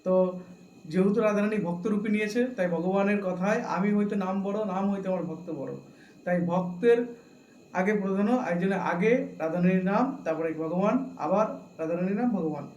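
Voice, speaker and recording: High-voiced man giving a devotional talk. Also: darkish tone, roomy sound, a little hiss or hum, rough recording. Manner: slow, deliberate, chants the mantra aloud. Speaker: devotional speaker.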